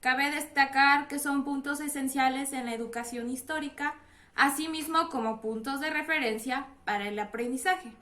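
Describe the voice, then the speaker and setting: High, bright-voiced woman moderating, echoey room. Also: normal speed. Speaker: moderator of a panel discussion. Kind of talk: scripted presentation, formal.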